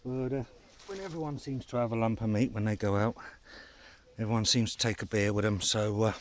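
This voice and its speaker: A man's voice: fairly low pitch, fairly even intonation, a little fast. A man vlogging from his hammock at a night camp, chatting casually with lots of fillers and banter. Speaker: bushcraft vlogger. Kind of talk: casual outdoor vlog chat.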